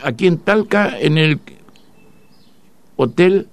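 A man's voice: a little high, expressive, takes it slowly, no room sound. An older man, hosting a radio show in a chatty, reminiscing way from a studio. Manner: chatty, reminiscing, laughs at own jokes. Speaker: radio host. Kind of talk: casual radio chat.

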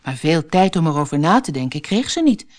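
Lively Dutch woman reading a storybook. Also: deep voice, a little fast, slight background noise. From Netherlands. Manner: lively, expressive narration.

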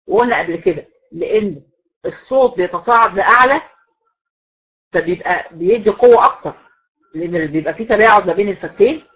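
A woman's voice: medium pitch, a bit bright, husky, rough recording. A woman with an Egyptian accent, a recitation teacher lecturing a class, explaining patiently, asking the class questions and repeating the key rules. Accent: Egyptian Arabic.

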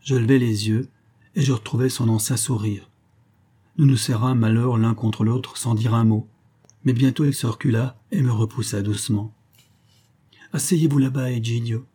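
A man narrates a literary story in an audiobook reading with a measured, even delivery. His voice is husky and dark, with a mellow, relaxed tone. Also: medium pitch.

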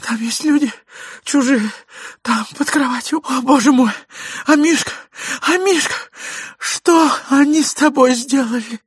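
A man voicing a frightened, hysterical lady who shrieks and calls out in a high voice. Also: a little slow, a bit bright, husky, no echo, studio quality, heavily acted.

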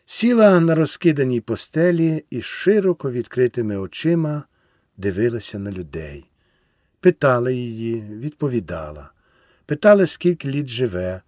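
A man reads a literary novel aloud in a measured way, with a very lively melody in his voice. He is recorded close to the mic in a dry, dead space. His pitch sits in the middle. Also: no echo. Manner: expressive, measured reading. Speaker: audiobook reader. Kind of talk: literary audiobook narration.

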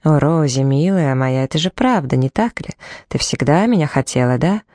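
A woman's voice: sits low, animated, normal speed, a little mellow, dry recording, clean studio sound. A woman voicing a drunken, aggressive, lecherous man who pants and leers, in an audiobook. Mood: leering. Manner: panting, leering.

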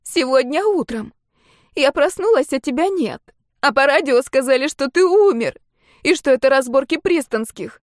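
A woman voicing a distraught young woman who shouts and sobs in turn, in an audiobook. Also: expressive, normal speed, dry recording, studio quality. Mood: sobbing. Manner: shrill shouting through sobs.

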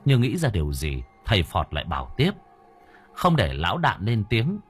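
A man narrating an audiobook in an expressive, colloquial way. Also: fairly low pitch, moderate pace, breathy edge, soft background music. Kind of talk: audiobook storytelling.

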